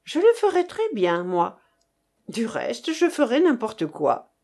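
A woman's voice: on the high side, wildly swooping pitch, slow pace, warm tone, heavily acted. A woman voicing a cheerful, eager young woman student in a novel reading.

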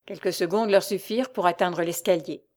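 A woman reading a novel aloud as an audiobook narrator, in an even storytelling way. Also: lowish voice, a little fast. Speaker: audiobook reader. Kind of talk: scripted narration.

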